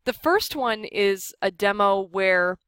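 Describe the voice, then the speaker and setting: A woman with an American accent leading an informal software workshop, explaining things in a conversational way. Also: mid-range voice, animated, takes it slowly, smooth, dry recording, clean studio sound. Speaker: workshop instructor. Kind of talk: informal software tutorial for a live group.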